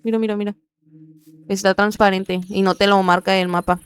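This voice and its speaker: A woman's voice: medium pitch, level tone, a little fast, clear, resonant tone. A woman giving casual gameplay commentary, chatty and often murmuring to herself. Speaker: gaming video creator.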